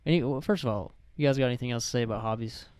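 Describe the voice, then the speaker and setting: Young male podcast host, clear resonant voice, dry close sound, casual and rambling. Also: medium pitch, racing, darkish tone, dry recording. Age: young adult. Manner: rambling, self-correcting.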